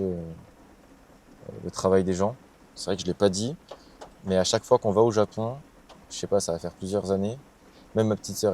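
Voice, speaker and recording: A young man chatting casually in a travel vlog, relaxed and slangy as he tells what happened. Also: lowish voice, a little hiss or hum. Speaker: travel vlogger.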